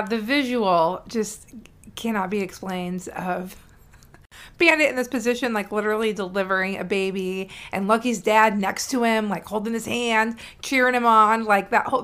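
A woman's voice: medium pitch, normal speed, fairly bright tone. Amused woman co-host chatting casually. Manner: amused listener, laughs often, short agreeing replies. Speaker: podcast co-host. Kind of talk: casual chat.

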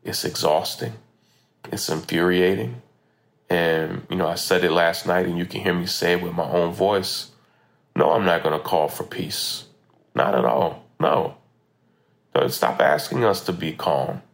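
An American man hosting a podcast, speaking emphatic, impassioned commentary informally, recorded roughly on a phone voice memo. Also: a little slow. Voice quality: gravelly, creaky low voice. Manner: emphatic, repeats phrases for stress. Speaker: podcast host.

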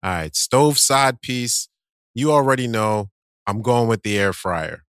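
A man's voice: mid-range voice, animated, measured pace, fairly bright tone, smooth, dry recording, clean studio sound. A man in casual podcast chat, answering in an easygoing, agreeable way.

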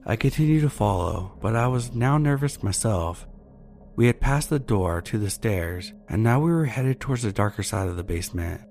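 Brief: male horror narrator, lowish voice, measured delivery, faint music bed. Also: a little mellow. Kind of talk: reading submitted true scary stories. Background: faint background music.

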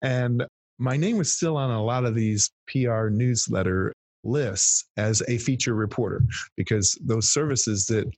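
A man in his fifties, a guest on an interview show, telling animated stories and often repeating the first words of a phrase. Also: mid-range voice, a little slow, dry recording. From Texas, US. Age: 50s. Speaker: guest, PR firm founder. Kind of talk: storytelling interview chat.

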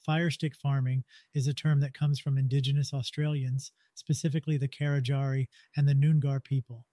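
A man narrates a podcast script in an earnest, explanatory manner. His voice sits at a middling pitch with a warm, mellow timbre. The sound is dry and close, with no room around it. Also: no echo. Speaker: podcast host.

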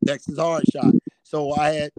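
A man's voice: fairly high pitch, flat delivery, normal speed, darkish tone, no echo, low-quality recording. A middle-aged man telling rambling hunting anecdotes as a guest, often repeating "I said.". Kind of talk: storytelling anecdotes.

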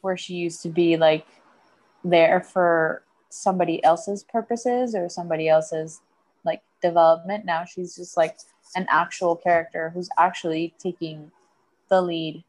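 A woman's voice: on the low side, fairly even intonation, measured pace, darkish tone, rough recording. A woman co-hosting a podcast in a casual chat about a TV show, talking in loose restarts and laughing often. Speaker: podcast co-host.

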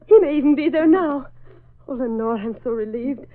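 Brief: worried young fiancée, played by a woman, higher voice, 1940s radio, lo-fi. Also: normal speed, close to an everyday voice. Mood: anxious. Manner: anxious and emotional. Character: anxious young woman awaiting her soldier fiancé. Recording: tinny old radio broadcast.

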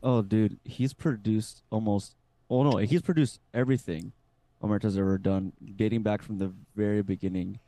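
A man's voice: lowish voice, fairly even intonation, normal speed, dark tone, no echo. A man in his late twenties with a Texan accent, a band vocalist talking energetically in an interview and repeating himself. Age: 20s. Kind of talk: casual interview.

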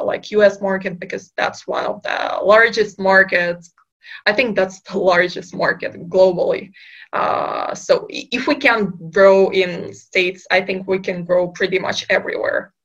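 A woman's voice: mid-range voice, a bit bright, muffled recording. A woman from Kazakhstan, a startup co-founder, answering interview questions with many fillers and restarts.

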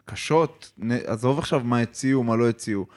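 Podcast cohost guy throwing in quick comments and questions, regular voice. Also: medium pitch, a little mellow. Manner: chimes in with short remarks and follow-up questions. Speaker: podcast co-host. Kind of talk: casual chat.

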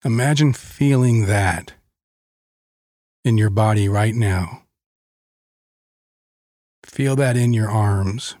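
Slow, calm man guiding a meditation. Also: on the low side, no echo, clean studio sound. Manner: slow, calm, deliberate with long pauses. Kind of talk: guided meditation with Bible teaching.

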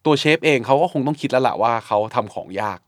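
A man in a casual podcast chat, blunt and animated, swearing lightly and acting out his own reactions. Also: mid-range voice, fast, no room sound, studio quality. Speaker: guest food reviewer.

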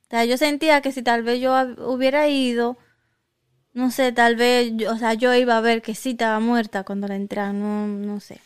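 A woman's voice: on the high side, flat delivery, normal speed, smooth. A woman in casual conversation, telling a personal story in a hesitant way with restarts and the odd English word. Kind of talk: casual chat.

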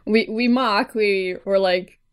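A woman's voice: mid-range voice, fairly even intonation, slow pace, clear, resonant tone. A woman co-hosting a podcast in casual chat, with a wry, informal manner. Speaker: podcast co-host.

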